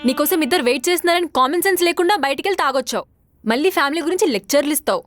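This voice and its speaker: A woman's voice: sits high, animated, very fast, over music. An actress playing a blunt young woman who scolds her roommate. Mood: scolding.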